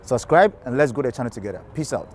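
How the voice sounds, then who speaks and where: Fast-talking male interview host. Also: medium pitch, lively intonation, soft background music. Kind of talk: interviewer's intro and questions.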